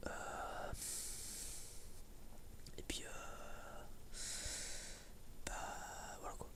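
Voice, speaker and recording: A female ASMR creator whispers through a casual chat, rambling and halting as she often repeats words and phrases.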